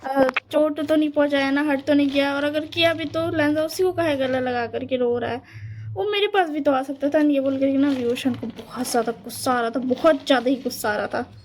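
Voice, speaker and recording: Chatty high-voiced woman retelling a story. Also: fairly quick, darkish tone, a little hiss or hum. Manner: chatty, repetitive storytelling with English words mixed in. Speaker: fanfiction author and narrator.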